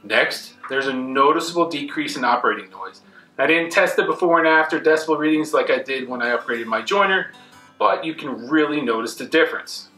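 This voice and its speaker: A man's voice: fairly high pitch, a little fast, pushed and bright. A man in his thirties, a woodworking channel host, talking casually and directly to the camera in his indoor shop. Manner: plain, friendly, direct to camera. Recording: echoey shop room. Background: faint guitar music.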